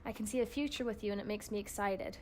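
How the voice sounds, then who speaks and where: A young woman, a college student, reading a personal letter aloud in an earnest, tender, measured way. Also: medium pitch, slight background noise.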